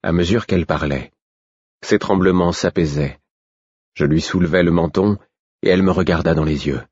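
A man narrating an audiobook in a measured first-person manner. His voice is very deep and husky, recorded dry and close with a slightly dull, lo-fi tone. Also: a little mellow, dry recording.

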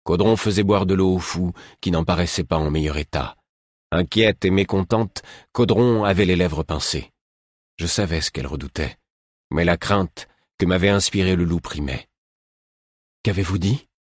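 Deep, husky male audiobook narrator. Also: normal speed, dry recording, clean studio sound. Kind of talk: scripted narration.

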